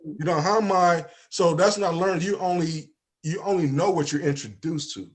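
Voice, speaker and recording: His voice a little high and his pace moderate, a forties-aged life insurance agent from East Saint Louis, Illinois, USA, spins animated stories in a casual talk-show conversation. He acts out what people said and often adds "you know what I mean."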